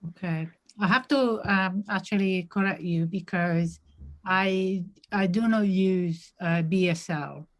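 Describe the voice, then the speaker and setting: A woman in her forties talks on a video call panel, hesitant and full of fillers as she restarts her sentences. Her voice sits a little low for a woman. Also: slow. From Italy. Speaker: panel guest. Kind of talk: online panel discussion.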